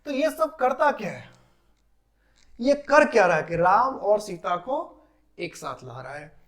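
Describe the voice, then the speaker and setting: A man's voice: sits high, sing-song, a bit bright. Male teacher drilling grammar terms. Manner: asks questions and answers them himself, repeats key terms slowly. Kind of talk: classroom lecture.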